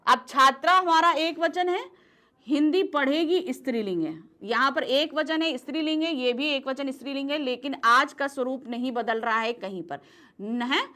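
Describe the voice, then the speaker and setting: A woman's voice: high voice, normal speed, pushed and bright. A woman teaching a grammar lesson. She asks questions and answers them herself, and she checks in often to make sure her students follow.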